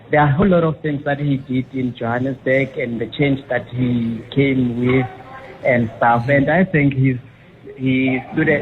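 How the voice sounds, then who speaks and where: A man with a South African accent calling in to a radio show, halting and restarting often, with words from a local language mixed in. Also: mid-range voice. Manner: halting, many restarts, mixes in Sesotho. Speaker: radio caller. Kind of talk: phone-in opinion. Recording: tinny phone line.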